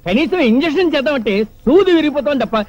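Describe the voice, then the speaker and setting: An actor playing a bewildered doctor in a comedy film, explaining things in an animated way. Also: male voice, very high voice, fast, dry recording, dull audio. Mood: puzzled. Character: puzzled village doctor.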